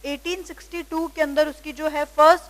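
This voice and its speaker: A woman with an Indian accent giving a college lecture on literary terms, reading English definitions slowly and then explaining them in Hindi, often checking in with "theek hai". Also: high voice, fairly even intonation, fairly bright tone, long reverb tail.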